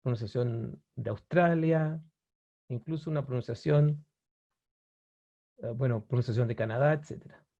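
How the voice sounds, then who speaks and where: A man's voice: medium pitch, moderate pace, pauses often, dark tone, muffled recording. A man giving an online webinar lesson about language-learning websites, explaining at an easy pace with many fillers and restarts, often checking in with his viewers. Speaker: language teacher presenting a webinar.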